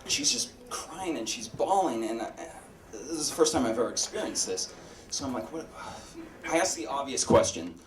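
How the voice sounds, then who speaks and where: A man performs stand-up in a club, his voice bouncing with lively pitch as he halts and restarts and picks on audience members. He is recorded from a distance in an echoey room. Loud audience laughter surrounds him. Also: a crowd in the background. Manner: halting, full of fillers and restarts; addresses audience members directly. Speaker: stand-up comedian. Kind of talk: stand-up comedy set. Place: comedy club stage with live audience.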